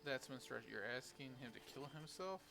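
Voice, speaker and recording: A man's voice: mid-range voice, expressive, a little fast, vocal fry. A man streaming a video game, reacting casually and reading dialogue options aloud. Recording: game music under the voice.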